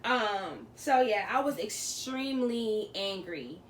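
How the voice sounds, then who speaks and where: Laughing, animated woman in an echoey room. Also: mid-range voice, slow pace, distant mic, slight background noise. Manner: laughs often, animated storytelling. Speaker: co-host of a couple's vlog. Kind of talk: casual chat.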